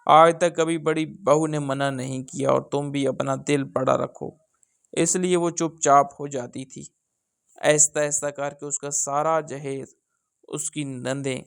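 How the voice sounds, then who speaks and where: A male storyteller narrating a family drama in a steady, even manner. His voice is gravelly yet smooth and resonant, sitting at a middle pitch.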